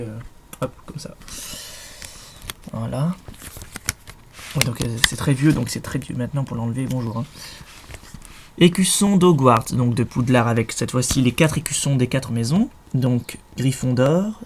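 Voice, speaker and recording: A young man talks through his collection at home in a relaxed show-and-tell, often pausing and restarting his sentences. His voice sits at a middle pitch. A faint hiss and clicking hang behind him. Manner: chatty, hesitant, many fillers and restarts. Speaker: collector showing his items. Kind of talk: casual show-and-tell vlog. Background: faint noise and clicks.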